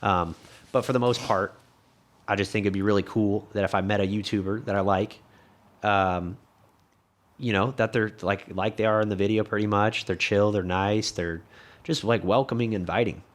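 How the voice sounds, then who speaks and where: A young man with a slightly low voice and a faint lisp, chatting loosely as a podcast guest. He rambles, restarts his sentences and swears freely. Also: steady tone, moderate pace. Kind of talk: casual conversation.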